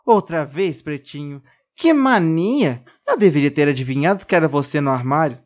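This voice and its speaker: A narrator voicing a small, lively girl who bosses her dolls around, in a high, expressive child's voice. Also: a little slow. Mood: carinhosa. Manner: fala aguda e expressiva de criança. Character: menina pequena, animada e mandona com os bonecos.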